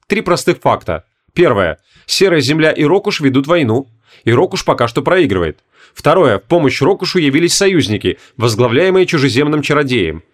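A male audiobook narrator reads expressively. His voice sits slightly high, and his pitch moves in a lively, animated way from phrase to phrase. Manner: expressive storytelling.

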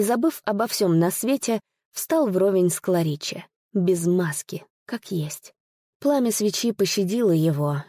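A woman narrating a fairy-tale audiobook in an expressive storytelling manner. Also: fairly low pitch, dry recording, studio quality.

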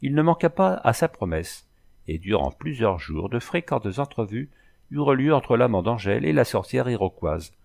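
A man reading a novel aloud in measured, scripted narration. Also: medium pitch, big pitch swings, gravelly, a little mellow. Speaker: audiobook reader.

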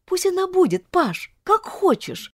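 A lovesick young woman, voiced by a female reader, begging in a high, tearful voice. Her pitch leaps and swings wildly from line to line. The recording is close and dry, with no room sound. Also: big pitch swings, measured pace, no room sound, full character voice. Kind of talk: audiobook character voice.

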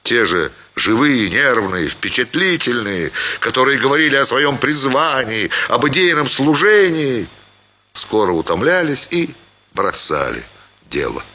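A man narrating a classic short story in a measured, expressive theatrical reading. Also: mid-range voice, dull audio.

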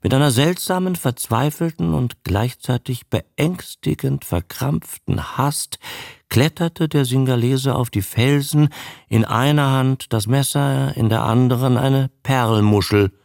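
Slow, gravelly male radio storyteller. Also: medium pitch, dry recording, studio quality. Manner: measured, expressive storytelling. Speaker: narrator. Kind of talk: radio audiobook reading.

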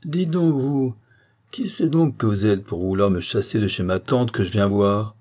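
A man voicing a brash, coarse young farmer nephew who talks rough and rude. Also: lowish voice, normal speed, mellow, natural voice. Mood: belligerent.

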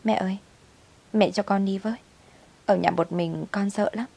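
A woman voicing a scared little girl who pleads softly and whimpers in a storybook reading. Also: mid-range voice, steady tone, a little slow, pitched above the performer's own voice. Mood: pleading, scared.

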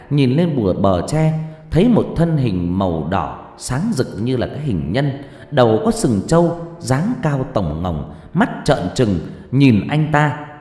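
A man narrating a first-person horror story in a dramatic, expressive storytelling manner. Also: on the low side. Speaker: audiobook narrator. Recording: reverberant hall with background music.

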